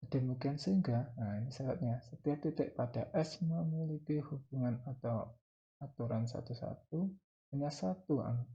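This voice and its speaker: A man's voice: medium pitch, normal speed, warm tone, lo-fi sound. A man with an Indonesian accent teaching mathematics step by step, dictating in short phrases and repeating key terms. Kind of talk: spoken math lesson, explaining step by step.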